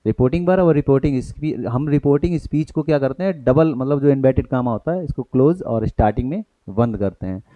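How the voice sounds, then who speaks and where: With an Indian accent, a man teaches an exam-prep grammar lesson in Hindi sprinkled with English terms, asking questions and answering them himself. His mid-range voice moves quickly with few pauses, and the recording is dry and phone-quality.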